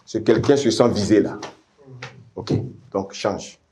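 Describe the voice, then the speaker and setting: A middle-aged man preaching a sermon with passion, repeating phrases, dropping to low asides and climbing to high shouted refrains while calling out to his congregation. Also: slow pace, a crowd in the background. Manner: addresses the congregation directly with call-and-response.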